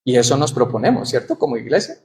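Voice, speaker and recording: A man's voice: medium pitch, big pitch swings, fast, vocal fry, a little mellow. Man preaching a sermon, rhetorical questions. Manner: reads scripture aloud with rising emphasis. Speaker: pastor. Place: church.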